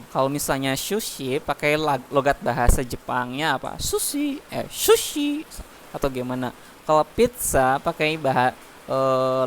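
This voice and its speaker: A man's voice: mid-range voice, a bit bright. A man teaching an English class from home, explaining patiently with many fillers. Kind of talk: online English class, mixing Indonesian and English. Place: home, heavy rain outside. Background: rain noise.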